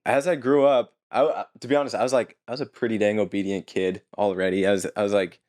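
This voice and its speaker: A man's voice: fairly low pitch, quick pace. Laid-back young man telling stories. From Utah, United States. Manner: relaxed, chuckles often while telling stories. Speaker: podcast guest. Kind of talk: casual storytelling chat.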